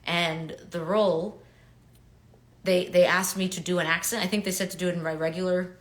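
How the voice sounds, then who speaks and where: This actor, a New York woman in her thirties with a slightly low voice, signs autographs on a livestream and chats casually with fans, upbeat and talkative, her words fading into soft murmurs as she writes. She's at home, speaking into a webcam mic, with a steady tone at a normal pace.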